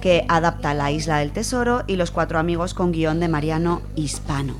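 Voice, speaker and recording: This biographical radio segment is informal, delivered from notes by a deep-voiced woman at normal speed with a Spain Spanish accent. She speaks to her listeners familiarly, throwing in colloquial asides, and music runs under her voice.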